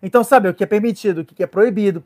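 A man with a Brazilian Portuguese accent giving an informal Torah lesson as a rabbi, lively and joking, often acting out little voices. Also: high voice, rapid-fire. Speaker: rabbi teaching a Torah class.

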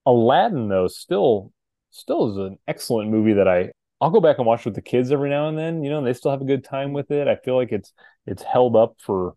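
A man in his thirties co-hosting a podcast, thinking out loud in casual chat. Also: mid-range voice, lively intonation, a little fast, no room sound, clean studio sound. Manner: thoughtful, hesitant, restarts sentences. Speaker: podcast co-host.

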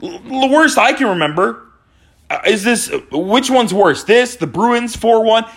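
Guy in his 40s ranting about his team losing, high sharp voice, yells now and then. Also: expressive, unhurried, slightly rough. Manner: exasperated, ranting, sometimes shouting. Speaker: hockey fan vlogger. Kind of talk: post-game fan rant.

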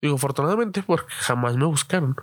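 A man's voice: a little high, expressive, fast talker, dry recording, studio quality. A young man casually telling a personal anecdote, rambling, slangy and full of fillers and swearing.

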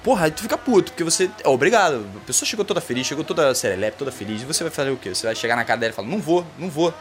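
Brazilian guy doing a comedy rant, swears a lot, talks super fast, voice jumps all over. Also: medium pitch, faint music behind. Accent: Brazilian Portuguese. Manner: profane, animated ranting. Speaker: comedy podcast host.

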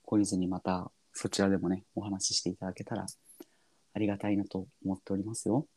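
A man's voice: low-pitched, little pitch movement, fast talker, a little mellow, slightly rough, no echo, rough recording. A man chatting casually as a podcast guest, humble and polite with mock-formal turns of phrase. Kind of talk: casual chat.

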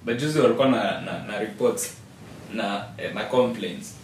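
A man's voice: fairly low pitch, moderate pace. Kenyan man explaining, off the mic. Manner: explanatory, switches between Swahili and English. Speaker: podcast co-host. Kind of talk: casual chat. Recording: echoey room, distant mic, faint noise.

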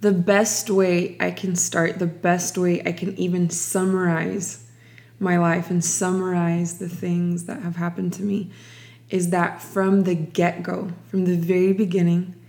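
A young woman from Ukraine shares her testimony in a slow, deliberate way, often restarting her sentences as she gathers her thoughts. Her voice sits low for a woman and stays fairly even, with little rise and fall. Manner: slow, reflective, many restarts. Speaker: guest sharing testimony. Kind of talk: personal testimony interview.

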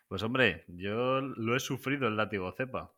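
Teasing low-voiced man. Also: a little slow, pushed and bright. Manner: teasing, rambling storyteller. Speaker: podcast co-host. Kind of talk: casual chat.

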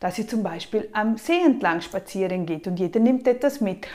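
A woman, giving casual, emphatic money-saving advice straight to the viewer, often dropping her voice softly. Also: medium pitch, normal speed. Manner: emphatic and lively, with frequent soft drops in volume. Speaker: personal finance advice vlogger.

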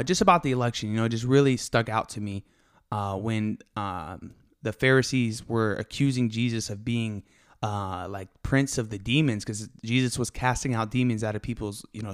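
A man's voice: lowish voice, moderate pace, smooth. A young man hosting a casual faith podcast, hyped and a little out of breath, rambling with lots of fillers. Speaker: podcast host.

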